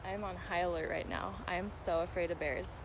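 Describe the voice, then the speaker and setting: Out on the trail and on the move, this young American vlogger talks in a chatty, informal way, occasionally stopping to address her dog. She speaks fairly quickly in a lowish, steady voice, with background noise around her.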